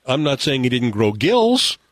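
An American man hosting a radio show, telling stories and running a game in an animated, conversational way. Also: medium pitch, measured pace, no echo, studio quality. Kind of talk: broadcast talk, storytelling and game hosting. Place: radio studio. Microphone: close studio mic.

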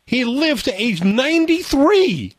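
A man's voice: extremely high pitch, sing-song, a little slow, no room sound. Dry-sounding American male radio host. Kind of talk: broadcast talk, storytelling and game hosting. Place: radio studio. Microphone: close studio mic.

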